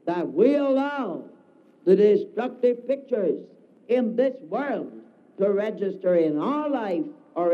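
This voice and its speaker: A man giving a solemn devotional address, declaiming slowly with emphatic repetition, heard on a dull lo-fi recording. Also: sits high. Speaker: spiritual speaker.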